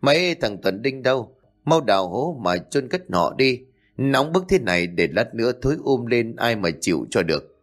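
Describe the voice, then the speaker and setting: A man voicing a stern middle-aged village chief in a storybook reading, gruff and scolding. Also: medium pitch, big pitch swings, moderate pace, natural voice.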